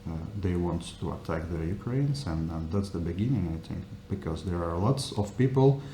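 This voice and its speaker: A man giving spontaneous interview answers in halting English, searching for words. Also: low-pitched, expressive, mellow. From Russia. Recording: echoey room with faint noise.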